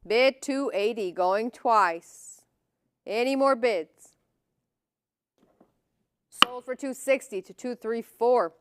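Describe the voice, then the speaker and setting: A woman's voice: a little high, takes it slowly, long pauses, clean tone. A woman working as an auctioneer, calling lots and bids in a formal, clipped, repetitive manner.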